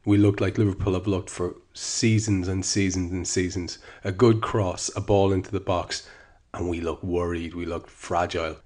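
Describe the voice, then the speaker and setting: A man's voice: deep voice, steady tone, moderate pace, darkish tone. A man hosting a podcast, reading his own column aloud and then talking it over in a wry, wordy, candid way. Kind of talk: column reading and casual commentary.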